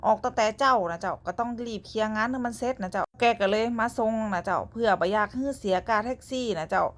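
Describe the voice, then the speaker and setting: A woman's voice: mid-range voice, fast talker. A young woman with a Northern Thai accent, narrating her own vlog in a chatty way and closing her phrases with polite particles. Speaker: vlogger.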